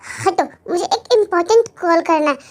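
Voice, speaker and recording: A woman's voice: very high-pitched, normal speed. A woman voicing a snobbish young woman who mocks others in a fan-dubbed drama. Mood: panicked. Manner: sneering, condescending. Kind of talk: Hindi fan dub acting.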